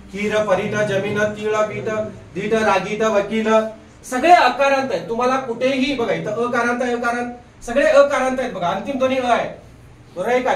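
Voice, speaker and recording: A male grammar teacher giving a live classroom lesson, quizzing his students with quick questions and repeating "look here". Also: high-pitched, slight background noise. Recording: echoey room from a distant mic.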